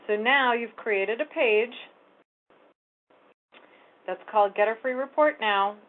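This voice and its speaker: A woman walks through a website task on a screen recording, explaining each step in a casual, running way. Her voice sits at an ordinary pitch for a woman. The sound is thin and narrow, like a phone line. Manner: casual step-by-step explaining, talks while clicking. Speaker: real estate tech trainer. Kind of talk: screen-share software tutorial. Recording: phone-like narrow band audio.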